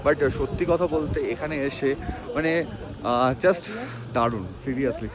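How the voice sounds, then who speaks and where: A man with a Bengali accent vlogging from a snowy mountain pass. He talks slowly and is short of breath from the altitude, with a dry throat, breaking into excited exclamations. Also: mid-range voice, a crowd in the background. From Bengal, India. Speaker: travel vlogger. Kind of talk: casual vlog walk-and-talk. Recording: wind noise on the mic outdoors.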